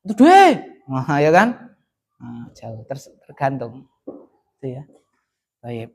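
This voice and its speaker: A man's voice: mid-range voice, slow, creaky, a little mellow, husky. A man, teaching Arabic grammar in a casual classroom lesson and answering questions, often adding "ya kan?" to his points. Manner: chatty, often adds "ya kan?" and "kayak gitu".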